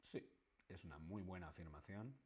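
A man, teaching a live online language lesson and slowly repeating phrases for learners. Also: low-pitched, a little mellow, husky. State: sore throat, coughing.

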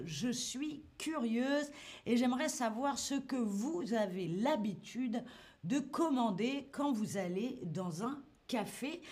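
A woman hosting a live-stream French lesson, speaking slowly and clearly, asking the chat quiz questions and laughing lightly as she reads it. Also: fairly high pitch. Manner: slow, clear, teacherly, asks quiz questions.

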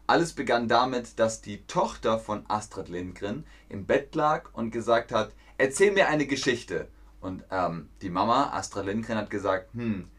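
A man teaching German on a live stream, telling a simple story clearly for learners, asking viewers questions and reading out the chat. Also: fairly low pitch, moderate pace, hardly any pauses, a bit bright.

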